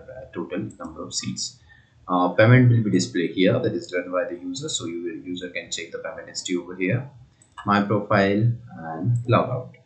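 A man with a very low voice explains a software project step by step, pausing often on fillers and restarting sentences. The sound has a noticeable room echo, like a home desk setup. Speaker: software tutorial presenter. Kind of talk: screen-recorded coding walkthrough.

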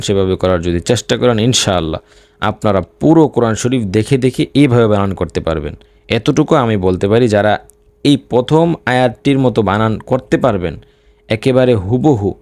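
Male Quran teacher, low voice, dry close mic, patient letter-by-letter spelling with slow recitation. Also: darkish tone, dry recording. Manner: slow, drawn-out recitation between plain explanation.

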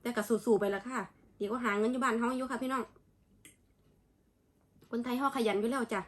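Casting: woman, Isan Thai accent, higher-pitched voice, informal eating-vlog chat with familiar, polite address to the audience. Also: fairly even intonation, brisk. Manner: addresses viewers familiarly with frequent polite particles. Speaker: food vlogger. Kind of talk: casual chatty eating vlog.

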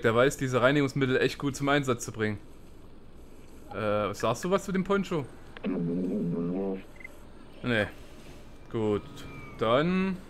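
A man playing a video game, chatting casually and quietly reading the subtitles aloud. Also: slight background noise. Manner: reads game subtitles aloud in a soft, low-key voice. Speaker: let's play gamer. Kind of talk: casual gameplay commentary. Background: game music.

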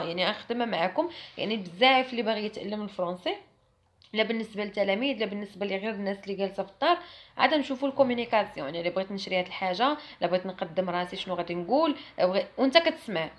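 A young woman with a Moroccan Arabic accent giving a chatty, emphatic French lesson to camera. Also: mid-range voice. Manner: chatty and emphatic, mimics others mockingly. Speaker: French teacher.

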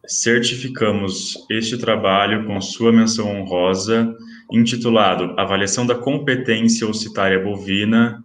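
A man presenting at an online academic event, reading out award certificates in a formal, steady listing manner. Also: on the low side, echoey room. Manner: steady listing of titles and names.

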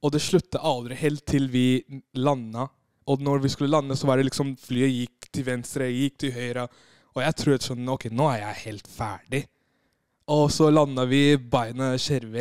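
A man's voice: medium pitch, clean tone, no echo, clean studio sound. A man on a podcast telling a story in casual chat, acting out the moments he describes. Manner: animated storyteller, acts out screams and quotes. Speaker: podcast guest.

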